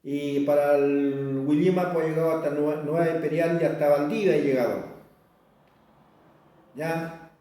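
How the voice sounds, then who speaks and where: A man's voice: a little high, steady tone, warm tone. Older man in an echoey hall. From Chile. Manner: rambling, repeats words, slow deliberate stretches. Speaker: Mapudungun teacher. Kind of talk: informal class talk. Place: community cultural center. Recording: very echoey room, speaker far from mic.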